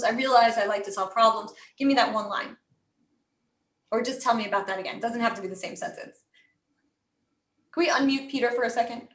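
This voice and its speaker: A woman's voice: a little high, bright, forceful tone, echoey room. An American woman coaching a live online class, encouraging and chatty, full of "you know" fillers. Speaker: voice and presentation coach.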